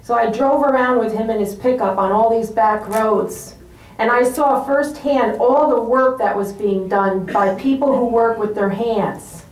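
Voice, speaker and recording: A woman with a fairly high voice delivers a rousing rally speech. She goes slowly, setting out short, emphatic phrases one at a time. The sound is strongly echoey. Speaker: rally speaker. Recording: roomy echo, distant microphone.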